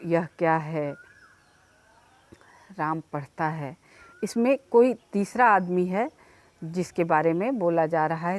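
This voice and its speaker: A woman's voice: on the low side, darkish tone, no echo. A woman teacher giving a children's Sanskrit lesson, repeating words and their meanings one by one for the class to copy. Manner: slow repeated word-by-word pronunciation drills.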